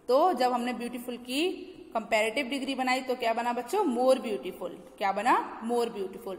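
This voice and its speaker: Woman teacher, Indian accent, high-ish voice, asks and answers her own questions; long reverb in an echoey room. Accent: Indian English. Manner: asks questions, then answers them herself; spells words letter by letter. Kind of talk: classroom grammar lesson.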